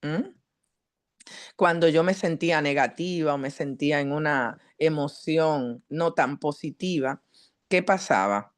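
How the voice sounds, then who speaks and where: A woman psychologist giving a teaching talk at a church, addressing the congregation directly and asking them questions in a lively, earnest way. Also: low voice, a little slow. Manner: lively, earnest preaching delivery.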